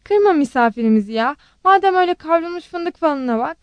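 A witty, playful young woman, voiced by a woman reader, teasing and lively in her delivery. The voice sits rather high and is recorded close and dry. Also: a little fast, no room sound, natural voice. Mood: coaxing.

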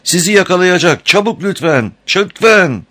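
A man voicing an excitable young girl who shrieks and cries out frantically, in an audiobook reading. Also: on the low side, fast talker, pitched above the performer's own voice. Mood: panicked. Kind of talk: audiobook character voice.

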